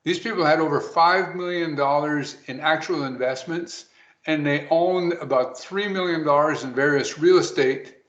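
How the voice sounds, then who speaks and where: A man giving a webinar presentation to financial advisors, talking quickly and briskly. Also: on the high side, fairly bright tone. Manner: brisk, rapid delivery. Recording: roomy, dull lo-fi audio.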